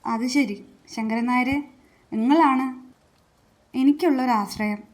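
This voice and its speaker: An anxious, sharp-tongued old aunt who grumbles and scolds the children. A woman reads her aloud in a high voice, in a storybook reading. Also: slow. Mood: earnest.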